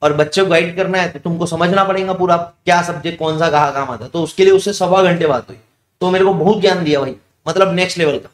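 A young man teaching with a fairly high voice. He talks to the class in a loose, chatty way and often asks a question and then answers it. The room has a lot of echo. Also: fast. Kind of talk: casual classroom digression. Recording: echoey room.

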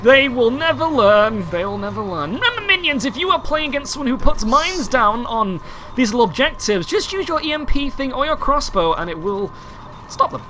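Hyper young man with wildly swinging pitch. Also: sing-song, fairly quick. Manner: hyper, squealing, jokey, shouting callouts. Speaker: gaming channel host. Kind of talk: excited co-op gameplay commentary. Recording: game noise audible behind voice.

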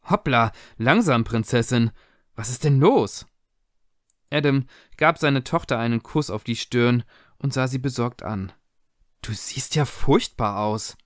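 A man voicing a concerned middle-aged father who talks gently and reassuringly, in a spoken storybook reading. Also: medium pitch, expressive, a little slow, no echo, studio quality, lightly acted.

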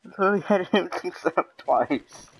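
A young man playing a survival game with a friend, excitable and swearing, laughing often. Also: sits high, a little fast, breathy edge, low-quality recording. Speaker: gamer. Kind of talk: casual gaming commentary.

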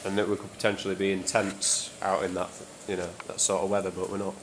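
A man in a stone bothy talking in a relaxed, rambling way with fillers. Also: deep voice, fast talker, a little hiss or hum. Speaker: hiker. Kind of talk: casual chat. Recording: echoey stone room.

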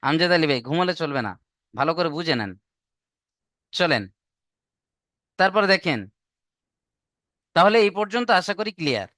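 A man's voice: on the high side, sing-song, unhurried, pauses often, fairly bright tone, no room sound, clean studio sound. A man teaching an online Arabic alphabet class, patiently repeating each letter, drawing out the sounds and quizzing his students. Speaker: Quran reading teacher.

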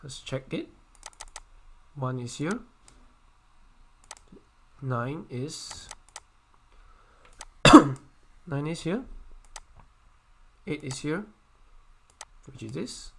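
A man teaching an engineering software lesson while hiccuping and coughing, often correcting himself and counting points aloud. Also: fairly high pitch, lively intonation, very slow, vocal fry, long pauses, slight background noise. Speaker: engineering tutor. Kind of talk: screen-recorded software tutorial.

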